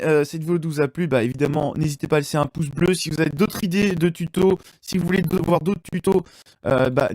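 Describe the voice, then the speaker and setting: A man hosting a casual screen-recorded software tutorial, talking with lots of fillers and self-corrections. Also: fairly high pitch, dry recording, clean studio sound. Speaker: tutorial channel host.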